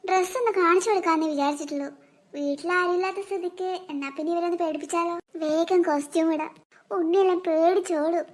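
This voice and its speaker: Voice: extremely high pitch, fairly even intonation, fast talker. A voice actor playing a mischievous boy in a green monster costume, muttering his plans to himself. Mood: scheming. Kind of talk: cartoon voice acting.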